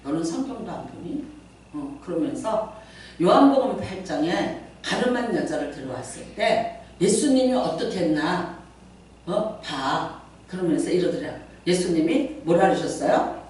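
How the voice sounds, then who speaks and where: A middle-aged woman pastor giving a Sunday sermon, chatty and playful as she tells stories and acts out quotes. Her pitch swings widely and animatedly. The sound is very echoey, with the mic set well back in a church hall. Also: animated, normal speed, darkish tone, recorded from a distance. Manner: conversational storytelling with playful asides and acted-out quotes. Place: church sanctuary.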